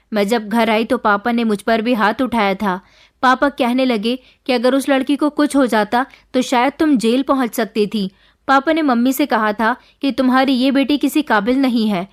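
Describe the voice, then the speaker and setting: Woman narrating a story, steady even reading, voice a bit on the high side. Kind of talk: scripted first-person story narration.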